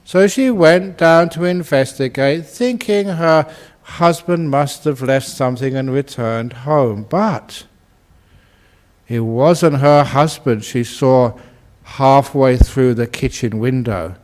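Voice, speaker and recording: A man who is a Buddhist monk, giving a dharma talk and telling anecdotes in an unhurried way with gentle humour. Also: medium pitch.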